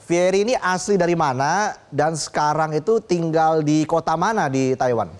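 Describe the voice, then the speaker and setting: A man's voice: on the high side, normal speed. Upbeat male talk show host. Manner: upbeat, asks short questions. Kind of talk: casual talk show hosting.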